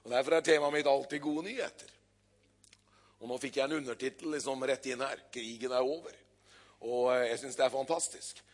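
An older man preaching a sermon in a church, telling stories in a lively way, with casual hesitations between bursts of loud emphasis. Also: medium pitch. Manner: lively storytelling preacher, builds to loud exclamations; conversational with frequent hesitations. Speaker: pastor.

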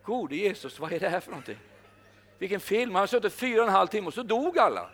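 An older man preaching a sermon, emphatic, slowing down to repeat his key phrases. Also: high voice, big pitch swings, a bit bright.

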